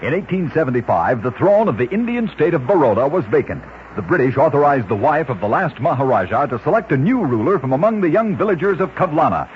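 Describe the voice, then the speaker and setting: In a brisk old-time radio announcer style, a man rattles off odd facts, his slightly high voice making big swoops up and down. The audio is muffled and lo-fi, with a faint hiss beneath it.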